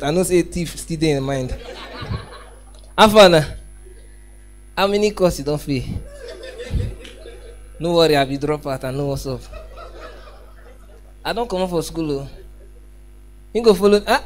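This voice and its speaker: High-voiced Nigerian comedian teasing the crowd. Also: male voice. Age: young adult. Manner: loud, teasing banter with the crowd. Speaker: stand-up comedian hosting his own show. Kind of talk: stand-up comedy in Pidgin. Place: large indoor theatre stage with live band. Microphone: handheld microphone. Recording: live stage with loud crowd and music. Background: music and crowd.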